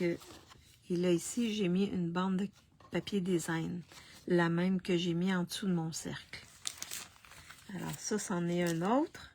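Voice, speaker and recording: Slow husky lady showing handmade cards on a live stream, frog in her throat, lots of ums. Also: on the low side, a little mellow. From Canada. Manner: slow, halting, with many restarts and fillers. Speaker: card-making demonstrator hosting a live stream. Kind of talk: casual live craft demonstration.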